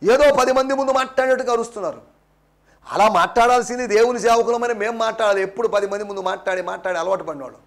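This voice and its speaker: High-voiced gravelly preaching pastor. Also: male voice, very fast. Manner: emphatic, repetitive preaching, switching into English. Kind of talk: sermon.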